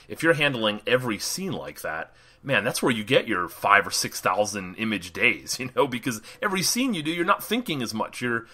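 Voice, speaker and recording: A man's voice: medium pitch, sing-song, normal speed, bright, forceful tone, slightly rough. A male wedding photographer co-hosting a podcast, talking casually and rambling with lots of fillers and laughs.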